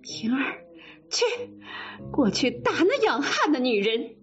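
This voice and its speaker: A woman storyteller voicing a proud, sharp-tongued young noblewoman in her twenties, high and commanding. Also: sing-song, slow, full character voice. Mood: furious. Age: 20s. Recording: dull lo-fi sound with faint music.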